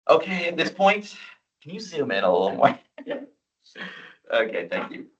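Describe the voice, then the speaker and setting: A man chairing a student meeting who reads a resolution aloud as fast as he can, in a rushed manner. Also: on the high side, big pitch swings. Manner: rushed, deliberately fast reading. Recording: distant, dull meeting room audio.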